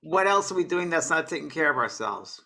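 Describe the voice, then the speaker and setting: Male medium, tense bright tone, slightly high voice, coaxing and earnest. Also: sing-song, fairly quick, gravelly. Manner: earnest, coaxing, calls people honey and baby. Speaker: psychic medium. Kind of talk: live mediumship reading.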